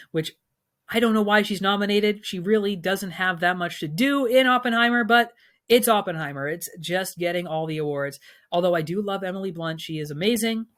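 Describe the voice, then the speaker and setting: Speaking a little fast in a high voice, a man lays out his film award picks in a casual vlog. This film commentator is enthusiastic and opinionated, talking loosely with plenty of ums and uhs.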